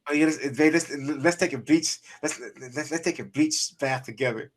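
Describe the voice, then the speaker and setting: Male host, slightly high voice, loose joking delivery with restarts. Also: normal speed. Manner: animated, joking, many restarts. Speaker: show host. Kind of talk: casual podcast chat.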